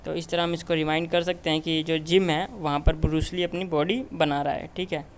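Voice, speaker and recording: Man teaching in a flat, repetitive tone. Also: a little high, a little fast, a little hiss or hum. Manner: repeats "ठीक है" and short checks constantly. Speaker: memory trainer teaching mnemonics. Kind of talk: explanatory tutorial lesson.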